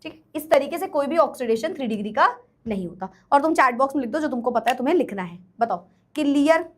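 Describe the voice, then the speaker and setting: Animated high-voiced woman teaching chemistry. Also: fast. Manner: animated, teasing, mimics students. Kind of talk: online class lecture.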